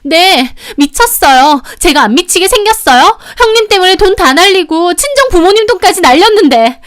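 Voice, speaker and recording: A woman's voice: extremely high pitch, big pitch swings, normal speed, fairly bright tone, voice pushed up, heavily acted. A woman voicing a furious, sobbing young woman who shrieks accusations at a family meal. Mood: shrill, furious.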